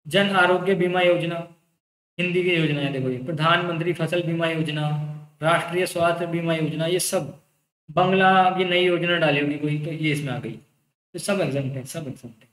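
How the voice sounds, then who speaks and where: A man's voice: fairly high pitch, steady tone, moderate pace, a bit bright, echoey room, rough recording. A young man teaching an exam-prep lecture in a casual, reassuring way, explaining rules by their intent.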